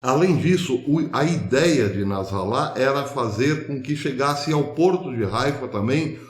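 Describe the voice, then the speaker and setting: A man's voice: medium pitch, animated, unhurried, reverberant. A man hosting a news commentary show, speaking emphatically and asking rhetorical questions. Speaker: host.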